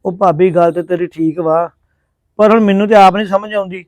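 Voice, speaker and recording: A man's voice: high voice, fairly even intonation, a little fast, a little mellow, dry recording. A man acting a placating brother-in-law in a family drama. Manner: placating, apologetic.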